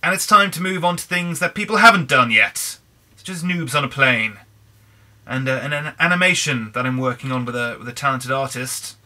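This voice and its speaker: A young British man with a hoarse, croaky throat, chatting in a rambling way over a Minecraft let's play. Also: medium pitch, normal speed, sharp tone. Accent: British English. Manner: rambling, chatty, frequent restarts. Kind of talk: casual gameplay commentary.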